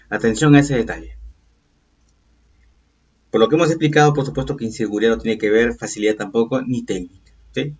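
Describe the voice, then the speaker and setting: A man teaching a recorded review lesson, explaining patiently and checking in with quick "okay?" and "right?" questions. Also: medium pitch, slightly rough. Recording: distant, dull lo-fi voice.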